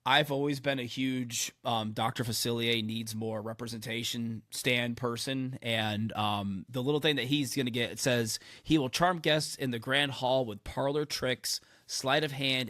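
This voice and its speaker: A male podcast host chats casually through the tail end of a head cold. His voice sits at a middle pitch, and the recording is close and dry, with very little room around it. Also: measured pace, sharp tone, dry recording. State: getting over a head cold.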